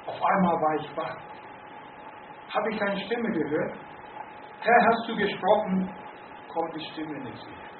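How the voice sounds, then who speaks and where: A man preaching a personal testimony in earnest, slow storytelling that rises into emphatic preaching. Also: fairly high pitch, noisy background. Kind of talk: sermon testimony. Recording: distant, roomy, phone-like, faint ambience.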